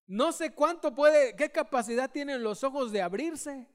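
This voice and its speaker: A man preaching a sermon, dramatic, swinging from hushed storytelling to shouts and urging the congregation to join in. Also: very high-pitched, animated, a little slow.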